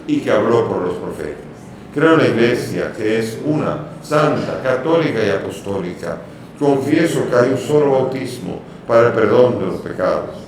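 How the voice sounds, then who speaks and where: A man speaking as a priest at Mass, solemnly declaiming prayers and preaching. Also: medium pitch. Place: large reverberant church. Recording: echoing church, distant mic, faint noise.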